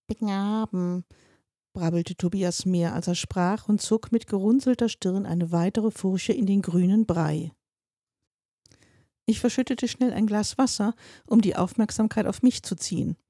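A woman's voice: medium pitch, dark tone, husky, no echo. A woman reading a darkly comic story aloud, in a dry, wry storytelling manner. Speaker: narrator.

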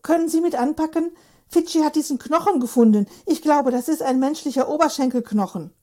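A woman voicing a flustered man in a read-aloud story, pleading and calling out in excited bursts. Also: high-pitched, a little fast, pitched above the performer's own voice, close to an everyday voice. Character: flustered man chasing his dog, excitable.

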